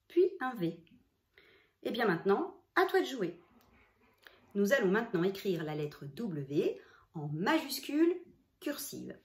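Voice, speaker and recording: A woman with a mid-range, slightly mellow voice teaches young children how to write a letter. She explains each stroke step by step, speaking straight to the child, in a roomy, echoey space.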